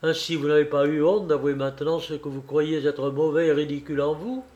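A man reading as a gentle, sincere young man. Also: a little high, flat delivery, brisk, highs cut off, lightly acted.

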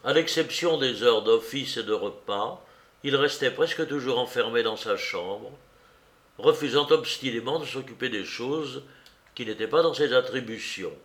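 A man reading a literary novel aloud in a measured, expressive way. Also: mid-range voice. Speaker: audiobook narrator.

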